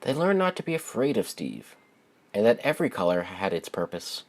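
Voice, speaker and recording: Reading a children's story he wrote himself, a man with a fairly low voice phrases things simply and deliberately, leaning on expressive stresses.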